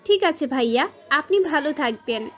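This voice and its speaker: A woman voicing an anxious, tearful young daughter in an audio story. She speaks softly and slowly, in a pleading tone. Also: high-pitched, animated. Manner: soft, pleading, slow.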